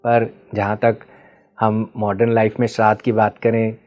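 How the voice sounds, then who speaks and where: Heard through dull audio, this man has a lowish voice and speaks in a monotone at normal speed. He is the interview guest, an ancestral healing expert who mixes English terms into his Hindi, patiently teaching and often checking in with questions for the listener.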